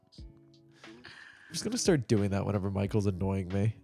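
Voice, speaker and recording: A man's voice: on the low side, animated, unhurried, vocal fry, warm tone, breathy edge, faint music behind. A man co-hosting a podcast in casual chat, joking and swearing with frequent laughter. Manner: joking, profane, laughs often. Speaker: podcast co-host.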